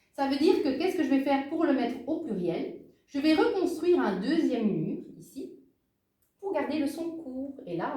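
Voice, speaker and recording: A woman teaching a language lesson in a fairly high voice that rises and falls a great deal. She explains with emphasis and often checks in with her listeners. The room rings noticeably, and she sits some way from the mic. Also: mellow, roomy sound, far from the mic.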